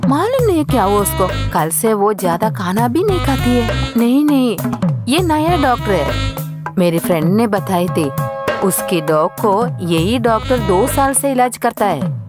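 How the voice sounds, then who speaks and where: A woman's voice: medium pitch, sing-song, a little slow. An actress dubbing a fussy middle-aged mother who dotes on her dog and scolds her son. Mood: doting. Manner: scolding, sing-song. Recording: film soundtrack with music.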